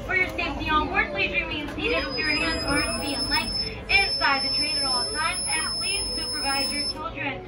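A woman conductor making brisk, formal station announcements on a train. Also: sits high, heavy background noise. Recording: distant echoey speaker with loud crowd.

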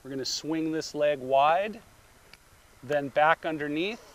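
A middle-aged demonstrator takes it slowly in a slightly high voice as he explains a roof rack product one step at a time. The plainly delivered demonstration was captured outdoors at a beach, next to a car, using a camera mic.

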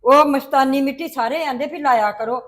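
A woman playing a flustered, high-voiced mother. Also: moderate pace, a bit bright. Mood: defensive. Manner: flustered, defensive. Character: fussing, well-meaning village mother, easily flustered. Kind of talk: web drama acting.

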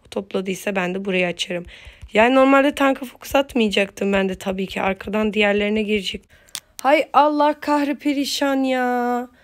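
A woman's voice: medium pitch, fairly even intonation. A woman giving playful, casual commentary while playing a mobile game, just woken up and chanting words over and over. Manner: playful, chatty, repeats words in quick chants.

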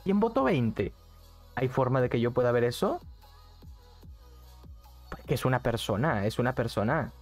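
A man's voice: mid-range voice, big pitch swings, unhurried, long pauses, soft background music. A young man, chatting casually on a live stream from a neon-lit bedroom, repeating phrases and reading the chat aloud. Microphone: studio mic on arm, headset.

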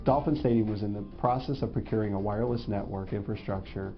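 A man in his forties calmly explaining a stadium network in a corporate testimonial interview, filmed in a studio. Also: on the low side, fast talker. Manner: plain, matter-of-fact explaining. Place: indoor studio before a logo backdrop. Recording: slightly dull audio with faint music.

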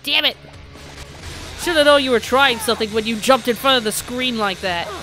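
Woman, gaming streamer, live commentary, profane, loud, high bright voice. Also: normal speed, soft background music. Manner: profane, yells at the game, jokes.

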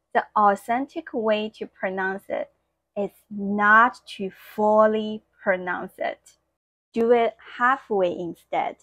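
A woman with a Mandarin Chinese accent leads an online language lesson at an unhurried pace. Her voice sits in a middle register and she talks slowly, acting out each tone. The recording is close and dry, with no room sound. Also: medium pitch, a bit bright, no room sound. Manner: slow and clear, demonstrating tones. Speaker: Mandarin teacher.

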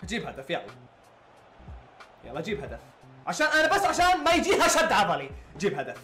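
A man rants through a football video game, his voice very high and swinging wildly as he shouts and curses in exasperation. Loud game music plays behind him. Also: huge pitch swings, fast talker. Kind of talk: live gameplay commentary.

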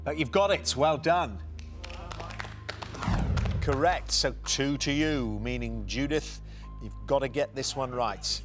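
A man hosting a television quiz show in a studio, briskly reading out questions and answer options. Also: mid-range voice, music in the background.

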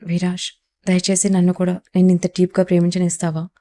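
A frightened, tearful young heroine, pleading and emotional, in a low, mellow voice, put on by a woman storyteller. She speaks with a fairly flat, even tone. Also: a little fast, close to an everyday voice.

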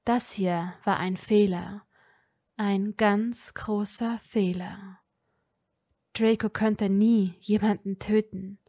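A woman narrating a fan-fiction audiobook in a slow, even storytelling manner. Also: mid-range voice.

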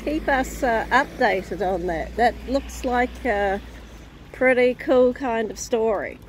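A woman vlogging outdoors while walking her dogs, chatting in an easy, unhurried way to viewers and her pets, recorded on a handheld phone. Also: fairly high pitch, a little hiss or hum. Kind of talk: casual walk-and-talk vlog. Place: outdoors on suburban streets. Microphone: phone camera held while walking.

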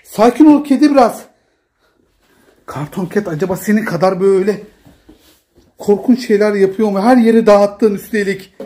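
A man talking casually at home, pleading and gently scolding with repeated short commands to calm down. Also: high voice, moderate pace, long pauses, slight background noise. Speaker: father filming his daughter at play.

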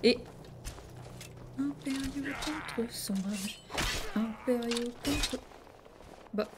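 A woman streaming a game, chatting excitably to her viewers and laughing often. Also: on the high side, moderate pace, a little hiss or hum. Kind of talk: let's play commentary. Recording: game music playing behind.

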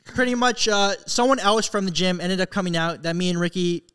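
Man, podcast co-host, high and clear, emphatic casual talker. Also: flat delivery, a little fast, a bit bright. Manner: emphatic, chiming in with "literally" and "yeah". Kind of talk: casual chat.

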